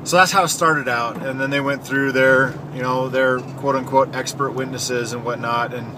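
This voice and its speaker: A man's voice: mid-range voice, steady tone, normal speed. A man talking casually while driving, in a rambling, conversational way with restarts. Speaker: vlogger. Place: in a car. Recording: car road noise. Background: road noise.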